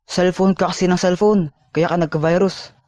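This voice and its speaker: A woman's voice: fairly low pitch, fairly even intonation, moderate pace, darkish tone, dry recording, clean studio sound, pitched below the performer's own voice, lightly acted. A woman voicing a stern mother who nags and scolds her child. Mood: scolding.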